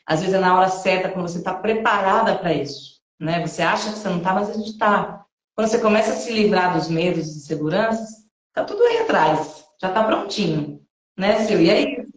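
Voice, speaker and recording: A woman's voice: medium pitch, lively intonation, a little fast. A Brazilian woman hosting a podcast in Portuguese, talking in a chatty, affirming way. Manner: chatty, affirming, often asks "né?". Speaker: podcast host. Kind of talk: casual conversation. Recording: roomy echo.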